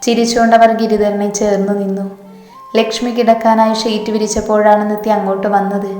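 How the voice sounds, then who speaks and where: Lady reading a love story, pretty flat delivery, roomy echo. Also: mid-range voice, a little fast. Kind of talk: scripted story narration. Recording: echoey room with soft music.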